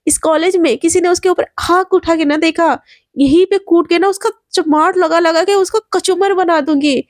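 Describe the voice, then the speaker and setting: A woman's voice: very high voice, normal speed, dry recording, studio quality. A woman voicing a fierce, defiant young college woman who talks bluntly and threatens anyone who crosses her. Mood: furious.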